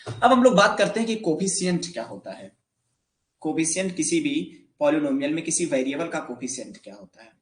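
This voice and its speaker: A man's voice: a little high, very animated, fairly quick, roomy sound. A man giving a math lecture in Hindi, asking his students questions and answering them himself. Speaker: math teacher. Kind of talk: classroom lecture.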